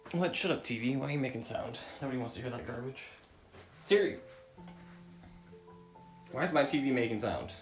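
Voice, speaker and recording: A man in his thirties chatting casually on a livestream at home, with a sardonic, deadpan, self-mocking manner. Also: medium pitch, very fast, hardly any pauses, faint music behind. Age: 30s. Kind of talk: casual rambling livestream chat. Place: room at home. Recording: roomy sound, mic at a distance.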